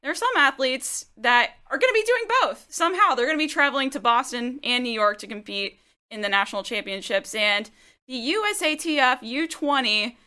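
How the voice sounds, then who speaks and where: A woman hosting a track-and-field podcast who steers between segments and hands questions to her co-hosts. Her voice is fairly high and bright. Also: animated, fairly quick, smooth. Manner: leads segments, poses questions, frequent "you know". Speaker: podcast host. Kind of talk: casual sports podcast hosting.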